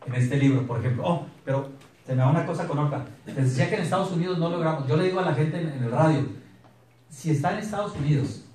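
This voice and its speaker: A Mexican-accented man in his thirties gives a lively motivational sales talk on a handheld mic, quizzing the audience in a meeting room before a projector screen. His voice is on the high side and fast, captured from far away in an echoey room.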